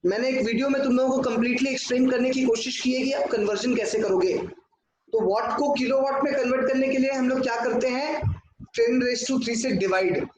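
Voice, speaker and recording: A man teaching a lesson in a very high register, and he answers the questions he puts to the class. His voice rings around a hard, echoey room, and there is steady noise behind it. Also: a little fast. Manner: talks at a board, asks and answers his own questions, mixes in English. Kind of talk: classroom lecture.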